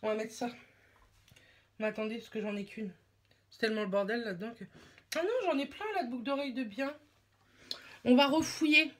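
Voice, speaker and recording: With a steady, somewhat high voice, a young French woman talks a little fast but leaves long pauses as she does her makeup at home. She's a beauty vlogger, rambling casually with slang and self-mockery.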